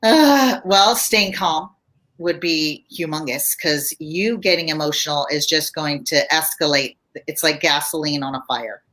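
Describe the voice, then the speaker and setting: Bright-voiced woman therapist guest. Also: low-pitched, measured pace. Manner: explains calmly in a teaching tone. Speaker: marriage and family therapist guest. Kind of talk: casual advice chat.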